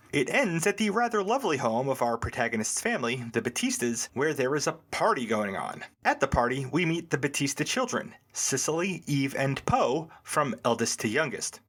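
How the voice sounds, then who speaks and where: Man, podcast co-host, reads his scripted film recap with a lively pitch and a dry, joking edge. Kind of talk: scripted plot recap in casual podcast talk.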